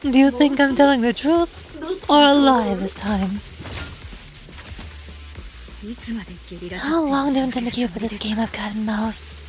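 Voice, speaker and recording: Woman voicing a mocking, high-voiced sniper villain. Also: normal speed, music in the background, close to an everyday voice. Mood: taunting. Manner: mocking, theatrical, feigned politeness. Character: taunting sniper villain, mockingly polite, toying with prey. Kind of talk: live voice acting of game dialogue.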